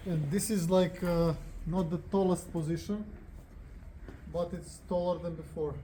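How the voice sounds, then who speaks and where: Higher-pitched man, faint background noise. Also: fairly even intonation, a little slow, mellow. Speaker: vlogger doing hands-on assembly. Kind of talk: casual explaining chat.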